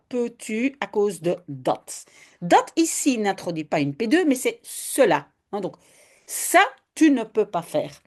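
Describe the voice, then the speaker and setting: A woman's voice: a little high, darkish tone. A woman from Belgium, patiently teaching Dutch step by step in an online lesson and often adding "hein".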